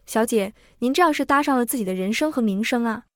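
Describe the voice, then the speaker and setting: A loyal young maid, voiced by a woman storyteller asks questions with hesitation. Her voice is slightly high, recorded dry and close. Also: lively intonation, quick pace, a bit bright, no echo. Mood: doubtful.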